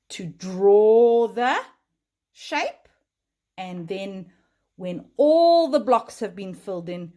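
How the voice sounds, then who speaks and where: Woman teacher for little kids: slow, lively sing-song delivery, encouraging, chanting patterns aloud. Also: medium pitch. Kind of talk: early-years lesson for young children.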